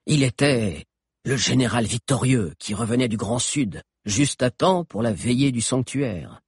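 A man's voice: medium pitch, a little slow, slightly rough, dry recording, clean studio sound. A man reading a novel aloud as scripted narration, telling the story expressively. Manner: expressive storytelling, voices characters. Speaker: audiobook narrator.

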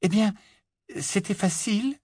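A man's voice: a little high, expressive, normal speed, no room sound, studio quality, voice pushed up. Hermione, a man voicing a nervous teenage witch. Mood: flustered. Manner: nervous, stammering, pleading. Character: anxious, studious teenage girl witch.

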